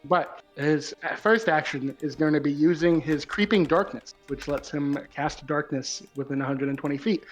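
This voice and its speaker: A man talks casually as a player at a tabletop role-playing game. His voice sits a little high, with faint music underneath. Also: normal speed, few pauses.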